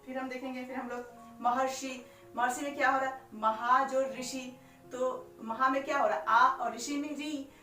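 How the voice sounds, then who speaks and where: A woman's voice: sits high, steady tone, normal speed, bright, forceful tone. A woman teaching a grammar lesson step by step, asking herself questions and stretching out sounds as she spells them. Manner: repeats each step with rhetorical questions. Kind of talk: classroom-style explanation. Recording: echoey room, far from mic, faint music.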